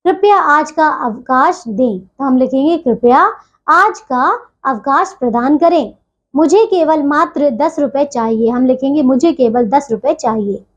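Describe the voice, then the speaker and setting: A woman with a high voice teaches a grammar lesson to young children. She works through the words slowly and carefully, one at a time. She keeps checking that the class is still following. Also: expressive, muffled recording. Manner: slow, careful word-by-word dictation.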